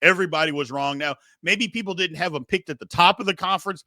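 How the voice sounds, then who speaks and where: A man's voice: a little high, fast talker, pushed and bright, no echo, clean studio sound. A middle-aged man hosting a sports show, giving blunt, emphatic, casual opinions and repeating his phrases for effect.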